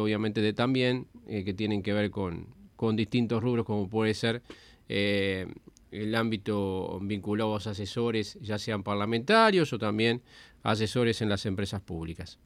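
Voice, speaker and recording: A man with a Uruguayan Spanish accent delivering a radio news report, measured and hesitant. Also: mid-range voice, no echo. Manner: measured, with frequent hesitation fillers.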